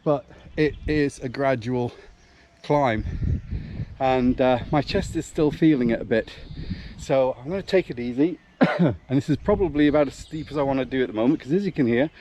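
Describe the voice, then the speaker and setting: A man's voice: mid-range voice, moderate pace, warm tone. Out-of-breath man talking while jogging, noisy outdoors. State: out of breath, occasional cough. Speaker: running vlogger. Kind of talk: casual vlog chat to camera. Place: outdoors on an uphill road.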